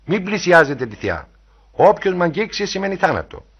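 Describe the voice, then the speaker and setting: A young woman playing a menacing goddess, speaking in a raised, sing-song voice, as a male reader puts her on. Her husky voice comes across loud and dull, as if from an old recording. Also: lowish voice, big pitch swings, pitched above the performer's own voice. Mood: commanding. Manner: sing-song, commanding, later hysterical.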